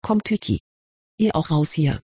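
A reader voicing a quiet, serious young wizard boy who hides his fear, in an audiobook. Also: medium pitch, animated, measured pace, slightly rough, no echo, studio quality. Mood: tense. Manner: subdued, hiding his fear. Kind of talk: audiobook reading.

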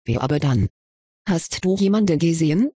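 A reader voicing a curious, kindly male wizard professor in an audiobook, questioning gently with mild amusement. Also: medium pitch, expressive, moderate pace, slightly rough, no room sound, clean studio sound. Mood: probing. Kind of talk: audiobook character reading.

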